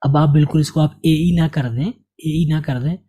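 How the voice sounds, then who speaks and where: A man's warm, higher voice with a breathy edge keeps a fairly even intonation at normal speed. He teaches English letters in a slow, patient lesson, repeating material and asking and answering his own questions.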